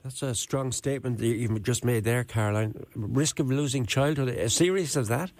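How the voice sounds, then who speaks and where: A man's voice: mid-range voice, normal speed, darkish tone, dry recording. A man interviewing a guest in a conversational radio style.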